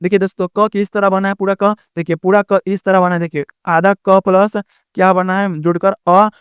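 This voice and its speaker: High-voiced man tutoring a lesson. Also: level tone, moderate pace, smooth, no echo, clean studio sound. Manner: repetitive, checks in with "ठीक ना" often; draws out vowel sounds to demonstrate pronunciation. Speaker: online tutor. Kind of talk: teaching a lesson to viewers.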